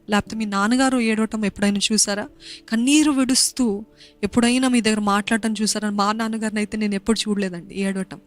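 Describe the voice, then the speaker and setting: Young woman pastor, earnest sermon delivery, repeats her points, faint background music. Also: mid-range voice. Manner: switches between Telugu and English mid-sentence; earnest, repeats phrases for emphasis.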